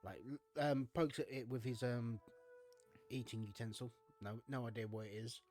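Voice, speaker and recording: A man playing a tabletop role-playing game, chatting casually in a halting way. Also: medium pitch, darkish tone, soft background music. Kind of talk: casual chat.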